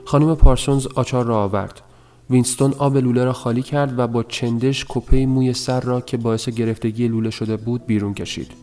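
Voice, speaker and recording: A man reading a novel aloud as an audiobook narrator, in a measured, even storytelling manner. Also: medium pitch, soft background music.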